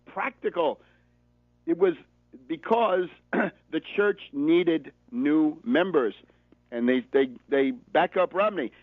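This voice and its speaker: Speaking slowly in a fairly high, expressive voice, an American man lectures through political radio commentary, emphatic and didactic, repeating his points insistently and frequently asking "right?". The recording is dry, with narrow, phone-like radio sound.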